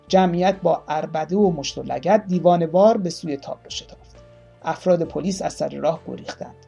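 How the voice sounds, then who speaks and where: A man reading a story aloud, slowly voicing its characters with small shifts of voice. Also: high-pitched, gravelly, mellow, husky, highs cut off. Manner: reads the tale slowly, playing each speaker with small voice shifts. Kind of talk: audiobook narration.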